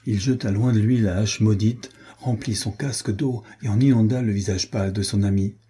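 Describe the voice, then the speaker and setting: Husky dark-voiced male narrator. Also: on the low side, steady tone. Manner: measured, storytelling. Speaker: audiobook narrator. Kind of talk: scripted narration.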